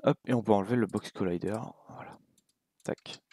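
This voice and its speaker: A young man with a French accent giving a relaxed, casual coding tutorial at his computer, thinking aloud with many fillers and asides. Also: fairly low pitch, normal speed, breathy edge, no room sound. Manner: relaxed, talks while clicking, many fillers and little asides. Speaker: game development tutor.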